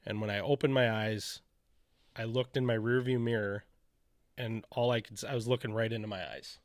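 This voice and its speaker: A man's voice: fairly low pitch, steady tone, normal speed. A man on a podcast telling his personal faith story in a candid, rambling way, with many "you know" asides. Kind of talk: casual storytelling conversation.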